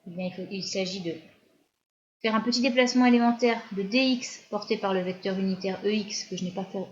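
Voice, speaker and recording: A woman physics teacher with a French accent giving a recorded lecture while writing at the board, often pausing and restarting her sentences. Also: mid-range voice. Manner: explanatory, with frequent hesitations and restarts. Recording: dull lo-fi lecture recording with faint hiss.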